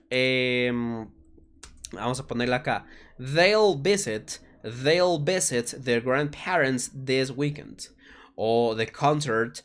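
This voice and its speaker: Patient Spanish-speaking English teacher, slightly high voice. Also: male voice, a bit bright. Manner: explains patiently, checks in with "¿vale?" and "¿ok?"; slows down to repeat English example sentences. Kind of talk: online grammar lesson.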